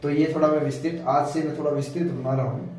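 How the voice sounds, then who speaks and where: Male teacher, repeats key words, slightly high voice, recorded from far off with faint noise. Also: steady tone, quick pace, darkish tone. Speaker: English teacher. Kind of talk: classroom-style grammar lesson. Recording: echoey room, distant mic, faint noise.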